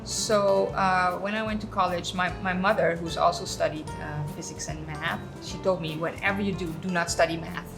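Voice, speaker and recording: A woman's voice: fairly low pitch, normal speed, few pauses, low-quality recording. Chatty woman over guitar music. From Suriname. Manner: relaxed, storytelling, frequent ums and uhs. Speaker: guest. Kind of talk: casual interview chat. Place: cafe.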